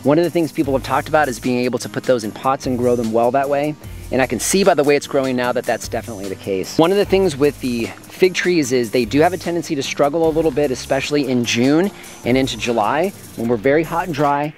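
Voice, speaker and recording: A man's voice: mid-range voice, animated, fast talker, soft background music. A man giving a casual, enthusiastic walkthrough of his fruit trees outdoors, sometimes talking while eating. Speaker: homesteading vlogger. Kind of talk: casual garden walkthrough to camera. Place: outdoors in an orchard.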